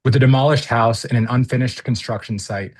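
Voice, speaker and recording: A man speaking over a video call as an applicant at a hearing, reading a prepared statement in an earnest, halting way with fillers. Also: mid-range voice, fairly even intonation.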